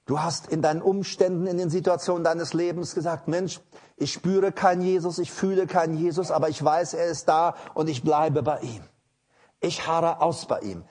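Male preacher, husky high voice, fervent sermon that shifts from loud calls to quiet, close address. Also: normal speed. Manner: swings from loud fervent calls to low intimate speech. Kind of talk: charismatic sermon. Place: church service, also streamed online.

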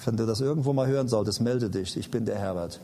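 A man from Paraguay preaching a sermon, emphatic and repetitive, swinging between loud exhortation and quiet storytelling. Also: on the low side, fast.

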